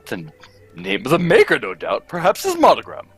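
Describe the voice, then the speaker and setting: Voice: medium pitch, wildly swooping pitch, normal speed, husky, faint music behind, exaggerated voice. A performer playing Doctor Watson as an amiable, curious, easily astonished male companion in a theatrical radio play reading. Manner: theatrical, exclamatory, questioning. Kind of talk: live radio play reading, old-time radio acting.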